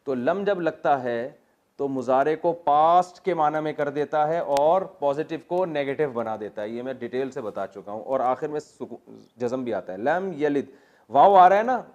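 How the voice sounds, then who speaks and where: A religious teacher with a Pakistani Urdu accent leads a classroom lesson on Quran grammar, explaining step by step while quizzing students and telling jokes. His voice sits on the high side and is a little mellow, and the audio is dull.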